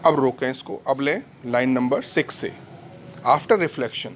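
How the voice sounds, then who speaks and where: Male tutor, dictates notes slowly and repeats them; roomy, echoey recording. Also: medium pitch. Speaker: teacher. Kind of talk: classroom physics lesson, dictating notes. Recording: echoey room, faint background noise.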